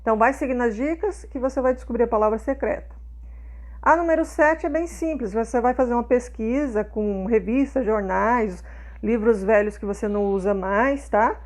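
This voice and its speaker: A woman's voice: on the high side, darkish tone. A woman teacher explains a lesson to young students, patiently repeating points and checking understanding.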